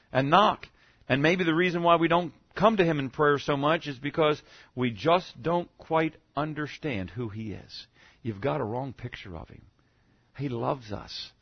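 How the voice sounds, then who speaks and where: A man's voice: a little high, no room sound, highs cut off. A man preaching a sermon in a conversational way, often checking in with his listeners with "okay?" and rhetorical questions, and stumbling over restarts now and then. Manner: stammering restarts. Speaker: pastor.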